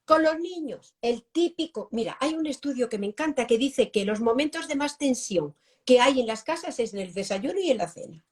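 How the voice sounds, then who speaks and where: Woman, 50s; expert guest, higher-pitched voice, swoops up and down, repeats herself for emphasis. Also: normal speed, few pauses. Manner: animated, repeats phrases, acts out examples. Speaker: guest pedagogue. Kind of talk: live-stream interview answer.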